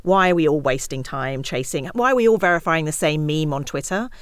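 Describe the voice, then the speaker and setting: A woman speaking as an interview guest, telling stories in an animated way and acting out what others said. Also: low voice, clear, resonant tone, dry recording, studio quality. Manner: fast, animated storytelling with acted-out quotes. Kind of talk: conversational interview.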